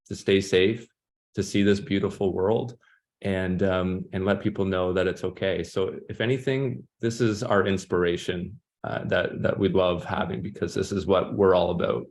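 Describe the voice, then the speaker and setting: A man's voice: deep voice, a little mellow. A man hosting an online roundtable, talking upbeat with many fillers and restarts. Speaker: host of online panel. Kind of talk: casual moderating.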